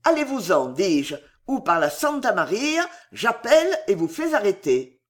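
A woman's voice: medium pitch, very animated, measured pace. A woman voicing an agitated, imperious middle-aged queen in a read-aloud historical novel, with pleading and commanding outbursts.

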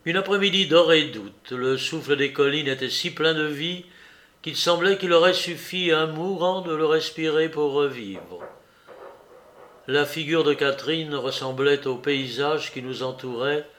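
A man narrating a classic novel as an audiobook, with a measured, even literary reading. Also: on the high side.

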